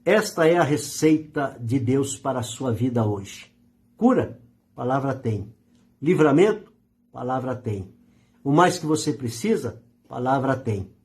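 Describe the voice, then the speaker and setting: Man, pastor, sermon, animated wide pitch, warm dark tone, earnest emphatic pauses.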